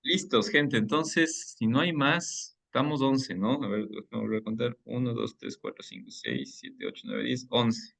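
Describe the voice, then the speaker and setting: A man leads a book club over a video call, speaking at an ordinary middle pitch. He is friendly and chatty, laughs lightly now and then, and explains things at length. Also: big pitch swings, unhurried, vocal fry, few pauses, a bit bright. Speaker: reading club moderator. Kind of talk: casual online meeting.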